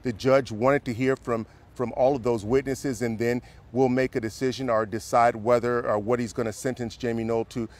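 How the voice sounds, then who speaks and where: A man with an American accent giving a live TV news report in a conversational, halting delivery. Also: medium pitch, steady tone, darkish tone. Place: courthouse, live on location.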